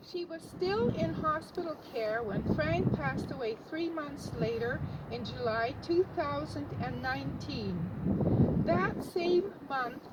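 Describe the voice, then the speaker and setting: An older woman with a high voice delivers a written funeral tribute. Her reading is formal and measured. She is picked up from a distance, with very loud noise around her. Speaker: family eulogist. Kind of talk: prepared funeral eulogy, read aloud. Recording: distant muffled mic, loud background noise.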